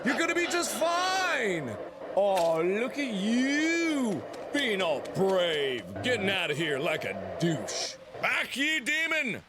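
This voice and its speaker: A high, swooping male voice yelling taunts during gameplay, all over the place in pitch. He shouts and plays around with silly voices. A clear hiss of noise sits under the clip. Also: sing-song, takes it slowly. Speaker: gaming video creator. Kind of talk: loud comedic gameplay commentary. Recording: noisy video clip played on stream.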